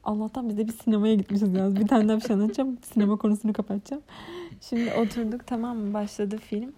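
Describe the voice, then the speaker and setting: A young woman co-hosting a podcast in casual chat, talkative and quick to laugh. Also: medium pitch, steady tone, warm tone, slight background noise. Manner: chatty, laughs often, fired up. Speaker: podcast co-host.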